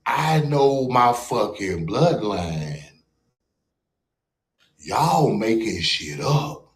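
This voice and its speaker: A U.S. livestream host rants with mockery, confrontation, and profanity. His lowish voice is very animated and stretches out his words, captured with a roomy echo.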